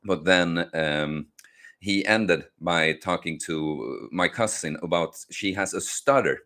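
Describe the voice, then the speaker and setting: A man with a low-pitched voice chats casually on a livestream. He sounds hungover, tired and short of energy, rambling along in a halting, sleepy way. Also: pushed and bright. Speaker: livestream host.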